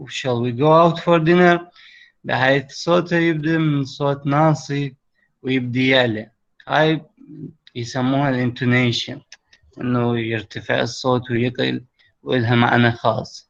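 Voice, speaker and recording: A man's voice: mid-range voice, gravelly. A man with an Iraqi accent teaching a class over a video call, explaining step by step and checking that his students follow. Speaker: English teacher. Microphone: computer mic on a video call. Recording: lo-fi online call audio.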